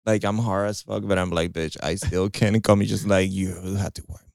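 Man in his twenties, creaky and dry. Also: sits low, steady tone, normal speed, a little mellow, dry recording. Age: 20s. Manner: laughing, exclaiming, profane. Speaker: podcast co-host. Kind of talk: crude casual chat.

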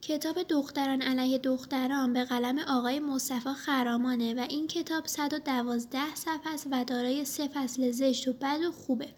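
A woman's voice: high-pitched, fairly even intonation, few pauses, darkish tone, slight background noise. A woman on a podcast chatting casually and giving book details in a matter-of-fact way. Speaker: podcast co-host. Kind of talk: casual chat.

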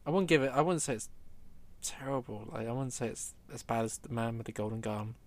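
A man co-hosting a casual film chat, opinionated and animated, stumbling over his words. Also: mid-range voice, a little fast. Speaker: film podcast co-host.

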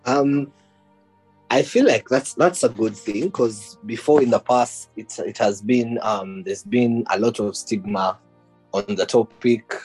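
A man's voice: mid-range voice, measured pace, a little mellow, slightly rough, soft background music. A young man from Uganda, a podcast guest who speaks casually and hesitantly. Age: young adult. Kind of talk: casual interview.

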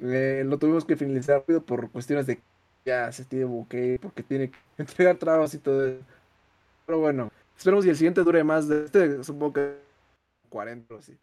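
Hombre joven mexicano, charla relajada. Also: male voice, fairly high pitch, a little fast, a little mellow, soft background music. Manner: slangy, laughing, loose sign-off. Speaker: podcast co-host. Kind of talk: casual chat.

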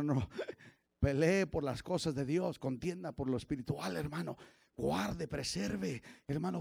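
A man preaching a fiery sermon as pastor, dropping to low murmurs and rising to shouted exhortation, often calling out "hermano". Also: vocal fry, breathy edge, dry recording. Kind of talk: fiery Pentecostal-style sermon.

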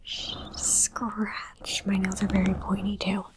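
A woman whispering an ASMR roleplay in a soft, teasing and playfully bossy way. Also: mid-range voice, monotone, takes it slowly. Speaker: ASMR creator.

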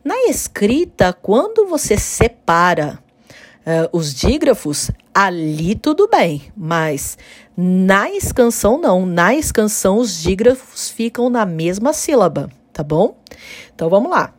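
A woman gives an online literature lesson, explaining clearly and slowing down to sound out syllables. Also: medium pitch, sing-song, dry recording. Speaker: literature teacher. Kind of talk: online lesson on poetic meter.

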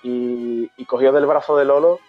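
Halting man telling a memory. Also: mid-range voice, steady tone. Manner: halting, repeats words, moved. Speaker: host of a brotherhood talk show. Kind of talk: emotional storytelling in casual chat. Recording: dull lo-fi sound with faint music.

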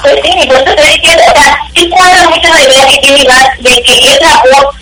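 A woman from Mexico, speaking with a Mexican Spanish accent in a high, steady, brisk voice, emphatically shares her opinions as an interview guest in a casual discussion. The audio is roomy and distant like a phone call, with music present.

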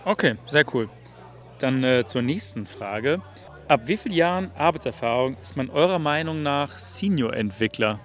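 A man interviewing colleagues outdoors at a summer party, asking questions in a relaxed way with many fillers. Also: mid-range voice, moderate pace. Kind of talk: casual interview.

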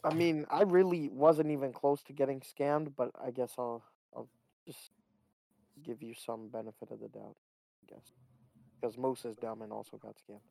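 A man's voice: mid-range voice, fairly even intonation, moderate pace, gravelly, mellow, dry recording, rough recording. Blunt, mocking young male co-host. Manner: blunt, mocking, says "bro" and "like". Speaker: podcast co-host. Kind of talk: casual podcast chat.

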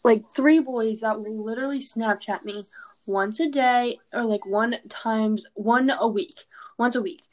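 Young woman co-host, slightly high voice. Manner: loose, halting, filler-heavy. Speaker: podcast co-host. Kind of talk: casual chat.

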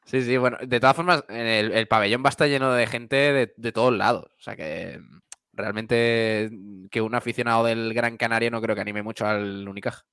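A man co-hosting a casual sports talk show, giving measured basketball analysis. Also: medium pitch, steady tone, a bit bright, smooth, no room sound, clean studio sound. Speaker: co-host, basketball commentator.

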